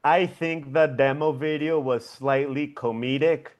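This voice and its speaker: A man's voice: fairly high pitch, steady tone, measured pace, highs cut off. A young man from Venezuela, a founder being interviewed over a video call, talking reflectively with many fillers. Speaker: guest founder. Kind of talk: casual interview.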